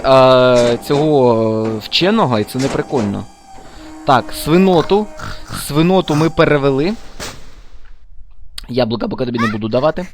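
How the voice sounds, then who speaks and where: A man giving casual let's-play commentary, chatty and muttering to himself, scolding the game characters as he plays. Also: mid-range voice.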